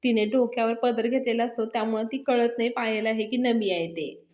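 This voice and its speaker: A woman hosting a serial recap, retelling an episode in a lively way and acting out the characters. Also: fairly high pitch, fairly quick. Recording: roomy echo.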